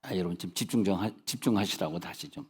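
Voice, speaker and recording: A male senior pastor preaches in a church sanctuary, his low voice gravelly and husky, and he talks fast. He tells folksy, funny stories, throws in humorous asides, and asks the congregation rhetorical check-in questions, all under long hall reverb.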